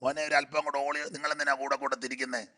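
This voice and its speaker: A man preaching a sermon as pastor, his throat congested, swinging between loud emphatic passages and quiet asides. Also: mid-range voice, level tone, quick pace.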